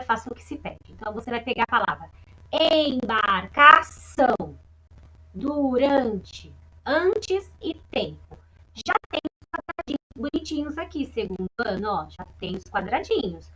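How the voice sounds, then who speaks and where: A woman with a Brazilian Portuguese accent, teaching young children in a recorded lesson with slow, sing-song talk and frequent check-ins. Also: a little high, big pitch swings, pushed and bright, dull audio. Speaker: primary school teacher.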